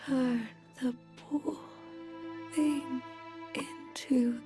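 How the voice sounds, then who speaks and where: A gentle, grieving holy maiden from a video game speaks in a whispered role-play, her breathy voice high but mellow in tone. drawing each hushed word out very slowly and solemnly. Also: steady tone, soft background music. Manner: slow, hushed, solemn pleading.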